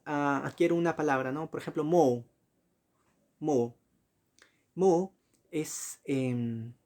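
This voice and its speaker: A man giving a recorded slide lecture, often correcting himself, asking short checking questions and spelling out examples slowly. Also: medium pitch, a little mellow. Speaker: teacher.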